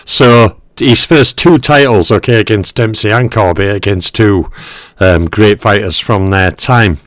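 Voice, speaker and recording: With a lowish, unhurried voice and no room sound, this Western European man runs a boxing history channel. He walks through one fighter's record as a casual stat rundown, filling it with ums and okays and saying hello to people in the live chat.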